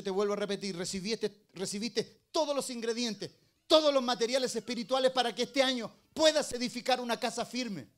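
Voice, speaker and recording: A middle-aged man preaching a sermon as pastor, firing rhetorical questions and swinging between loud emphasis and low, quiet asides.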